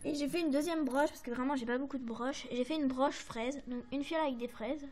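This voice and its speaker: High-voiced French woman chatting about crafts. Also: fairly even intonation, a little fast, a little mellow. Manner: chatty, hesitant, many fillers and apologies. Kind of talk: casual show-and-tell to camera.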